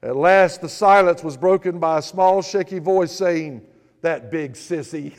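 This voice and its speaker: A man's voice: high-pitched, unhurried, big-room sound. A male pastor preaching a sermon, praying and telling humorous stories to his congregation.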